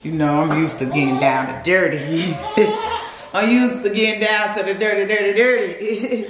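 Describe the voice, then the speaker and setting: A woman's voice: medium pitch, measured pace. A young woman chatting casually to her viewers as she seasons steaks in her home kitchen, laughing often and calling them y'all. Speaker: vlogger cooking with her boyfriend. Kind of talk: casual cooking vlog chat. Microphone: camera mic across the kitchen. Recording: echoey kitchen with loud background noise.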